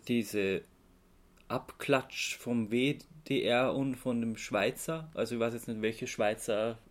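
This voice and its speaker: A podcast co-host with a medium-pitched voice speaks slowly. The delivery is informal and conversational, explaining things in a relaxed chat with the other co-hosts.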